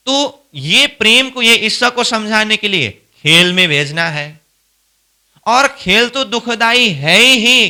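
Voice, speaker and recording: A man's voice: sits high, sharp tone, clean tone. A man teaching a devotional scripture class, explaining verses by posing questions and answering them himself. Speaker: spiritual instructor.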